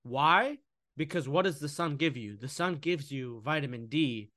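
A young man with a somewhat high voice, talking about food and nutrition in a loose, animated podcast style. He sounds close and dry, as if no room is around him, and he sometimes slips into a mocking voice. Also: moderate pace, dry recording. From United States. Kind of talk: casual podcast conversation.

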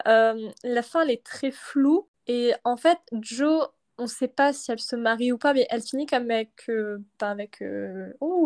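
A woman's voice: a little high, a little mellow. A young woman speaking French as her own language, chatting casually as a podcast host, rambling and hesitant with many fillers and laughs. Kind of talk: casual chat.

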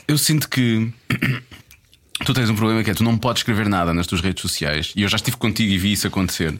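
A man with a European Portuguese accent hosting a podcast, chiming in with quick, teasing remarks. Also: lowish voice, fairly bright tone. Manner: rapid, chummy interjections and teasing. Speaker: podcast host. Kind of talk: casual podcast chat.

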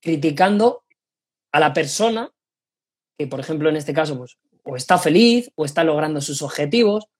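A man's voice: on the high side, animated, moderate pace, breathy edge. A man hosting a podcast, talking in a reflective way and explaining his point with examples. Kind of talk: casual podcast conversation.

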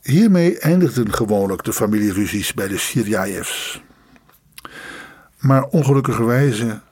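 A man reading a story aloud in measured, dramatic audiobook narration. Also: medium pitch, a little mellow, breathy edge, dry recording.

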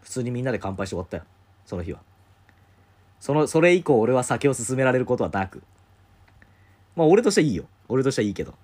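A man casually telling a story to a co-host, acting out the quoted voices in a rough, informal way. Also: medium pitch, sing-song, fast talker, pauses often, darkish tone. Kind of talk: casual chat.

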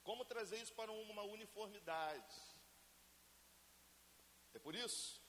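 A man from Brazil preaching a lively sermon to a congregation and asking them to answer him. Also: high voice. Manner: acts out family scenes in everyday voices. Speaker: pastor. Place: church hall. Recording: reverberant church hall, faint hiss.

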